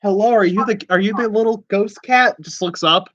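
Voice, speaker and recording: A man's voice: high-pitched, normal speed, a bit bright. A man hosting a casual livestream chat, rambling and joking, swearing often. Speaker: podcast host. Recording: dull lo-fi stream audio.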